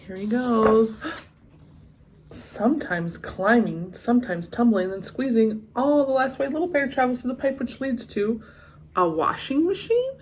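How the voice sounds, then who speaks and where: An animated, slightly high-voiced woman reads a children's picture book aloud at a measured pace. As a read-aloud storyteller she's expressive, tossing in chatty asides and wondering exclamations. A little background noise is present.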